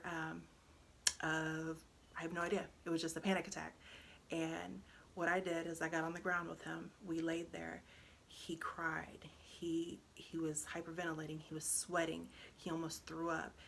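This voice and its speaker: A woman, casually sharing parenting advice, earnest and animated when retelling. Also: deep voice, gravelly, slight background noise. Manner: earnest, animated when retelling, drops to a hush when describing the panic. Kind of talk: casual talk to camera.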